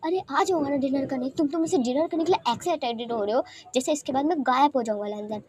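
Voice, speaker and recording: A moody, sensitive young man, voiced by a woman narrator, bickering one moment and close to tears the next. His voice sits fairly high and carries the hurt close to the surface. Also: moderate pace, a little mellow, slight background noise, close to an everyday voice. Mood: mock angry. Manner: bickering, sobbing when hurt.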